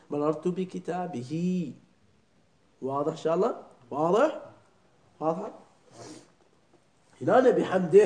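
A man teaches a lesson on prayer recitation, drilling pronunciation slowly and checking that his students understand. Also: a little high, a little mellow. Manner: keeps checking understanding with short questions. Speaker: religious teacher. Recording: echoey room.

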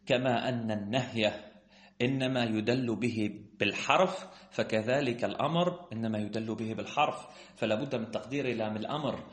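A man's voice: mid-range voice, fairly quick, echoey room. A man teaching classical grammar, explaining step by step, asking rhetorical questions and reading quotes from the text aloud.

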